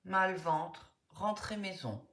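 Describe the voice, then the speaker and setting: A woman voicing a quiet, sad young refugee boy in a cartoon, speaking in halting, short broken phrases. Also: lowish voice, animated, exaggerated voice. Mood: weak. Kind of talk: cartoon voice acting.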